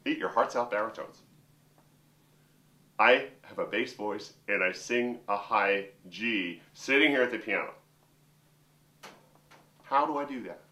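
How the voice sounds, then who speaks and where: A middle-aged opera singer and vocal coach gives a chatty, joking lesson to camera from a room with a piano. His voice is fairly low with a sharp tone, measured in pace with frequent pauses, and the distant mic makes it sound roomy.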